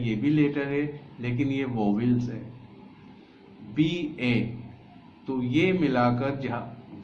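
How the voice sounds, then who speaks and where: A man giving a casual spoken English lesson, explaining slowly and haltingly and spelling out letters one by one. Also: mid-range voice, a little hiss or hum. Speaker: English teacher. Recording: echoey, dull room recording.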